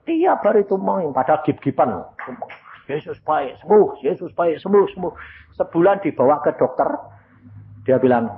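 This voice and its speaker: Older man preaching animatedly, tinny sound. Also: normal speed. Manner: animated storytelling, acting out quoted voices, jumps high in pitch; mixes Javanese words into Indonesian, calls the congregation "saudara". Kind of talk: sermon.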